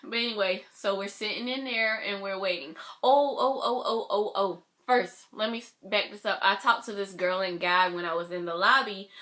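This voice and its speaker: Bright-voiced young woman telling a story. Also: medium pitch, fairly quick, hardly any pauses. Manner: chatty, gushing, voice dipping soft as she tears up. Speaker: vlogger. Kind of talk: emotional personal storytelling.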